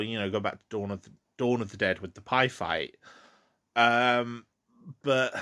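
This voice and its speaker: A man's voice: mid-range voice, fairly bright tone. A man hosting a solo podcast, talking through films casually with many ums and restarts. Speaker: podcast host. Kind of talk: casual solo film commentary.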